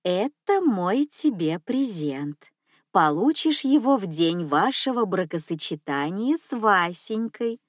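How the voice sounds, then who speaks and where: A woman voicing a scheming, manipulative old grandmother who speaks slowly in a cooing, sugary tone. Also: mid-range voice, big pitch swings, no echo, studio quality.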